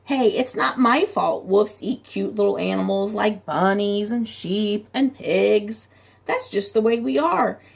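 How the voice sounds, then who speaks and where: At a measured pace and in a mid-range voice, a woman plays a storybook wolf, a smooth-talking male pleading that he's innocent. She makes him sound gravelly and husky, with a chatty, persuasive manner.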